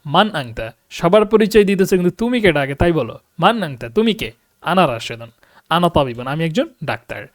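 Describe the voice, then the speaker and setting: A man teaching a beginners' language class online, explaining patiently, reading example sentences slowly and translating each one, often asking if students follow. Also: on the high side, big pitch swings, no echo, clean studio sound. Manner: explains patiently, checks understanding with questions. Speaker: Arabic teacher.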